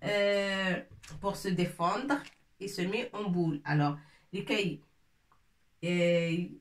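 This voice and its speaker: A woman teaching a language lesson slowly and patiently, repeating words and spelling out each sound. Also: on the low side, reverberant, far from the mic. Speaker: Arabic teacher.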